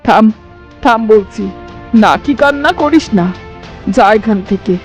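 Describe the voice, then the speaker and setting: This is Bengali cartoon voice acting: a woman voices a stern, suspicious middle-aged mother-in-law who scolds and gives commands. Her voice is a little high and animated, moving at a slow pace with faint music behind.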